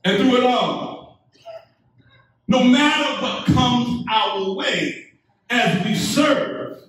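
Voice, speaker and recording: A middle-aged pastor with an extremely high, fairly bright voice preaches a sermon in measured phrases that rise into emphatic calls, which the congregation answers. It's recorded from a distance in a medium-sized indoor church sanctuary, so it sounds echoey.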